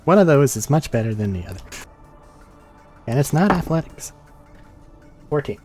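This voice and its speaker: A man's voice: medium pitch, big pitch swings, moderate pace, over music. A man playing a tabletop game and chatting casually, with a dry, joking manner. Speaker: player.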